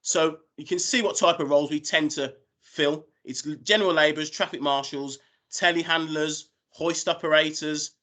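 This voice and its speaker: Higher-pitched British man presenting informally. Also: steady tone, moderate pace, sharp tone. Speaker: recruiter presenting job opportunities. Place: online video call.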